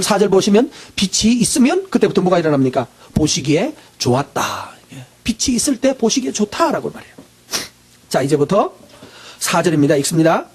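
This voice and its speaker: A male pastor preaching a sermon, asking the congregation questions and answering them himself, often clearing his throat. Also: high voice, darkish tone.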